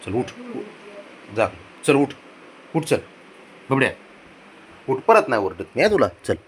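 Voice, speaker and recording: A young man, coaxing and sweet-talking his pet cat at home, repeating himself softly. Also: mid-range voice, big pitch swings, a little slow, a little hiss or hum. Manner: coaxing, repetitive, soft-spoken with a pet. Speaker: cat owner. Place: home, indoors.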